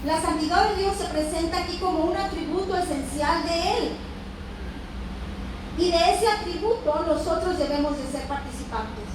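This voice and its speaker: A woman's voice: very high voice, moderate pace. A woman teaching a Bible lesson with fervor, breaking into amens and calls to God. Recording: echoey room from far off with noise.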